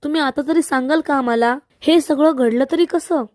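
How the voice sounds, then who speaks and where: A teasing young husband full of questions, as a woman reads him. High pitch, dark mellow tone, dry sound. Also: a little fast, dry recording, lightly acted.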